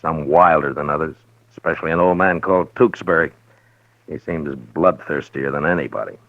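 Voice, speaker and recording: An actor playing a firm, skeptical Old West marshal with a dry, probing manner, in old-time radio western style. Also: male voice, very deep voice, fairly quick. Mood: dry, calm. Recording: dull roomy vintage radio recording.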